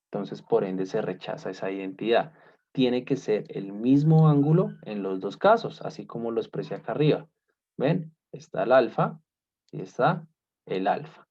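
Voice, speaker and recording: A man's voice: lowish voice, animated, moderate pace, darkish tone. A man teaching a basic math class in patient steps, often checking in with his students. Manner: checks in often with "¿listo?" and "¿cierto?"; patient, step-by-step explaining. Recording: dull lo-fi class recording.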